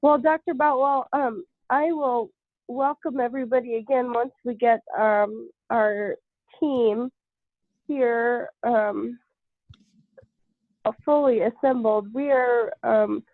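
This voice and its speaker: A woman with a cold and a nasal voice, leading a conference call from home on her iPad, talking in a halting way with many pauses. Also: a little high, steady tone, dry recording. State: congested with a cold. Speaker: call facilitator. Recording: dry, tinny phone-like call line.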